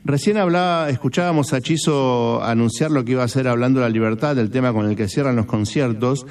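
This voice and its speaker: Argentine male radio host, warm tone, slightly distant mic, chatty with restarts. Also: mid-range voice, a little fast. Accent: Argentine Spanish. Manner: conversational, hesitant restarts. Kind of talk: radio interview.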